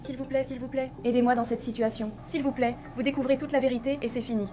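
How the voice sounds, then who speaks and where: A woman's voice: high-pitched, flat delivery, quick pace, mellow, faint music behind, natural voice. An actress playing a young wife who pleads with the maid to be patient with her father. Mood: pleading. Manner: pleading, soothing.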